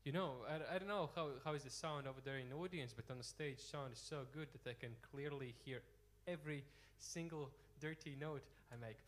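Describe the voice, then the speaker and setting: A man's voice: fairly high pitch, a little fast, hardly any pauses, a bit bright. A young Latvian man chatting with the audience between songs on a theater stage, hesitant and self-deprecating with many ums, into a stand mic. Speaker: singer-guitarist. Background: guitar.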